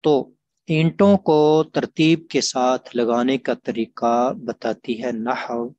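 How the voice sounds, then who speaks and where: A man teaching an online grammar class, explaining patiently and repeating examples slowly. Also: medium pitch, darkish tone, muffled recording.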